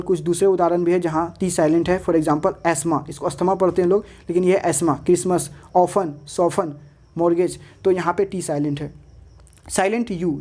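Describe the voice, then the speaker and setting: Woman teacher, low mellow voice, slow careful rule reading, steady word lists. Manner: slow deliberate reading of rules, then lists examples; switches between Hindi and English. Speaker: English teacher. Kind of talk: explaining lesson over slides.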